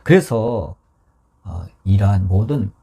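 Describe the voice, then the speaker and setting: A man's voice: fairly low pitch, slow pace, creaky, breathy edge. A man preaching a Sunday sermon in a church. He acts out voices from scripture and drops to a whisper to stress a point. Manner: animated preaching, acting out scripture voices, dropping to whispers for emphasis. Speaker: pastor.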